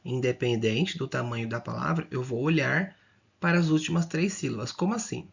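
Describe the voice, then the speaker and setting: Male teacher, gravelly voice, slow repetitive exam-prep explainer. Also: medium pitch, muffled recording. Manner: explains slowly and repeats, drawing out words, checking in often. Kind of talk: exam-prep grammar lesson.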